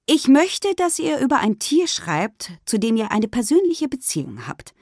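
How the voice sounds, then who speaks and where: A woman voicing a kind, patient female schoolteacher speaking gently to children. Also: fairly high pitch, sing-song, normal speed, no echo, clean studio sound, pitched above the performer's own voice. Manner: gentle, indulgent.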